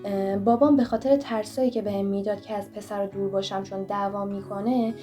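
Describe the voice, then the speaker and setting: A woman's voice: medium pitch, fairly even intonation, warm tone. A young woman vlogger giving motivational advice, talking straight to the viewer in a direct, coaching way. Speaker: self-help vlogger. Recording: voice over clear background music.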